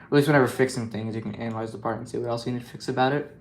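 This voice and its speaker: A man's voice: medium pitch, steady tone, rapid-fire. A man casually talking through a scale model repair, rambling and joking at himself with plenty of fillers. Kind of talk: casual hobby vlog commentary.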